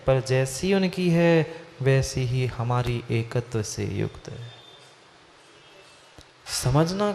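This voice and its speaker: A man's voice: fairly high pitch, darkish tone, a little hiss or hum. A man, a monk, giving a Hindi-language religious discourse, asking his listeners questions and repeating phrases for emphasis. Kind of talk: sermon. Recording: hall reverb with faint ambience.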